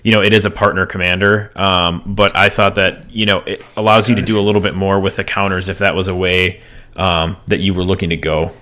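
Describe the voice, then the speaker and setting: A man with a low, bright voice talks through deck ideas at an easy pace. He is relaxed and loose, full of fillers and restarts, sounding like a podcast co-host among friends. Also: fairly quick. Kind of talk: casual chat about card game decks.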